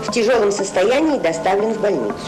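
A documentary narrator from an old Soviet archive film, reading an official case file in a grave, measured tone. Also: mid-range voice, lively intonation, music in the background, rough recording. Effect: old Soviet documentary narration played from archive film.

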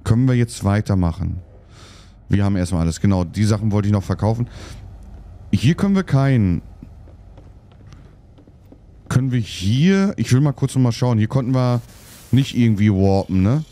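A man's voice: on the low side, expressive, moderate pace, long pauses, mellow. A man chatting casually while playing a game, muttering to himself and getting annoyed easily. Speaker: let's play host. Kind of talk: casual gameplay commentary.

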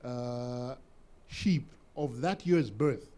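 Brief: thoughtful male guest, mellow tone, unhurried and sincere. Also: mid-range voice. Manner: earnest, reflective, repeats words as he thinks. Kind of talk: casual interview chat.

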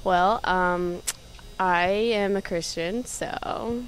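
A woman's voice: lowish voice, very slow, slight background noise, rough recording. A woman being interviewed outdoors, answering hesitantly and defensively.

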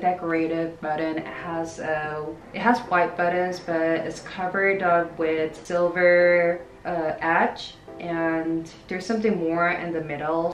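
A woman's voice: fairly low pitch, a little hiss or hum. A woman, chatting casually to camera about clothes she bought, full of "like" fillers. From South Korea. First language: Korean. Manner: chatty, many "like" fillers, upbeat. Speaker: fashion vlogger. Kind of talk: casual try-on haul talk to camera. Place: plain indoor room by a wall. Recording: echoey room with music bed.

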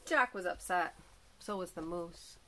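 A woman teacher reading a storybook aloud to young children, gentle and clear, with small asides about the pictures. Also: on the low side, measured pace, background noise.

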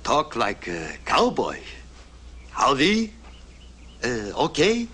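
A halting Latvian immigrant shoemaker. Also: male voice, medium pitch, huge pitch swings, pushed and bright, exaggerated voice. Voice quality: husky, halting broken English. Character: bashful Latvian immigrant shoemaker, middle-aged man. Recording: old film soundtrack.

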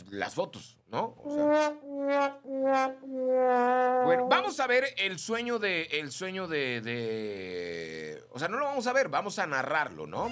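Animated Mexican radio host, bright tone. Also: male voice, on the high side. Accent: Mexican Spanish. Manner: animated, chatty, gossipy. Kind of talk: casual chat reading listener messages.

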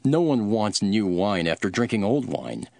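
An actor playing Jesus as a calm, authoritative teacher in a dramatised scripture reading, measured and solemn. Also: male voice, fairly low pitch, creaky, no room sound, studio quality. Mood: teaching, emphatic.

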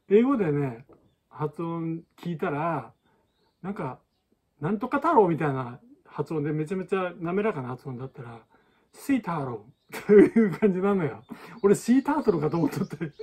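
Husky, chatty man. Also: high-pitched, darkish tone. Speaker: balloon artist. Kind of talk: casual tutorial chat.

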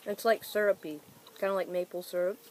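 A woman's voice: fairly low pitch, steady tone, a little fast, a little mellow, slight background noise. A young woman talking through a partly full mouth of candy during a casual taste test, loose and chatty with lots of "like" and "kinda". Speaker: taste tester. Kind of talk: casual chat.

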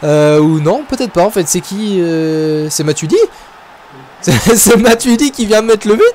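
A man with a notably high voice for his sex runs casual commentary over his own football game. He talks in a chatty, excitable way, thinking aloud as the play unfolds. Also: a little slow, a little hiss or hum. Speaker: gaming video host.

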